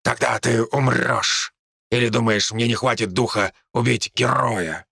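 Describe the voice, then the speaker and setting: Brief: mocking raven-druid, gravelly and crisp, drawling taunts, a male narrator's put-on voice, audiobook. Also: medium pitch, fairly even intonation, bright, forceful tone, no room sound, studio quality, full character voice. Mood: scornful. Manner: slow, scornful, taunting.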